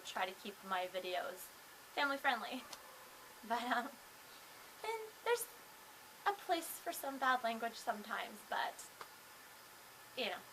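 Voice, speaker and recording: A woman's voice: on the high side, bright, forceful tone, slight background noise, rough recording. A young woman chatting casually to camera as a vlogger, rambling with lots of fillers and restarts. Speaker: vlogger and singer.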